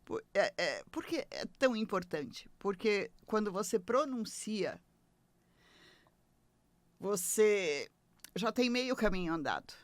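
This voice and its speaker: A woman with a Brazilian Portuguese accent hosting a late-night spiritual advice show, talking in an expressive, emphatic way with playful asides. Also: medium pitch, takes it slowly, long pauses, no echo. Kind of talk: conversational spiritual teaching.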